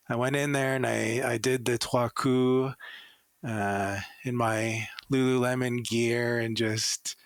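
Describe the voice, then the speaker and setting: A man's voice: mid-range voice, gravelly, no room sound. A man with a Canadian accent, a former Paralympic athlete, answering interview questions with enthusiastic stories. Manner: enthusiastic storytelling.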